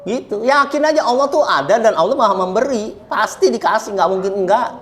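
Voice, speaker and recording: A man's voice: high-pitched, expressive, fairly quick, slight background noise. A middle-aged man from Indonesia, a guest talking bluntly and joking as he tells his story. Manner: blunt, joking, laughs often, preachy. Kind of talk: casual chat.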